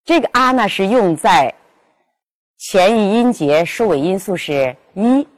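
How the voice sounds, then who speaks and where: Slow, lively woman teaching pronunciation. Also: lowish voice. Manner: slow, careful, deliberate enunciation of examples. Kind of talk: instructional lesson with spoken examples.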